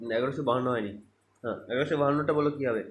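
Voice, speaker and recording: A man with a Bengali accent teaching English grammar, explaining each point step by step and checking in with rhetorical questions. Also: mid-range voice. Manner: explains step by step, reads sentences out slowly, asks rhetorical checks. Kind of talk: online grammar lesson. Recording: echoey room with faint ambience.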